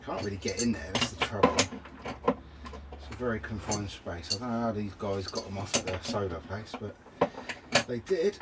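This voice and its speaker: A middle-aged man with a low voice talks to himself inside a motorhome, chatty and grumbling as he fixes things. His voice is picked up by a camera set down nearby. The recording is noisy and full of clicks. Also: moderate pace. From United Kingdom. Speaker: travel vlogger. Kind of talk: casual self-talk while doing repairs. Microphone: camera mic set down nearby.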